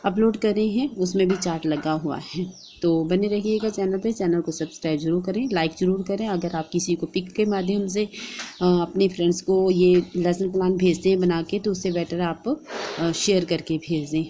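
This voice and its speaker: A woman with a Hindi accent explaining a lesson plan step by step in a steady, instructive way, as a teacher-training vlogger. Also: on the low side, moderate pace, a little hiss or hum. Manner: steady instructive delivery, reading out and dictating.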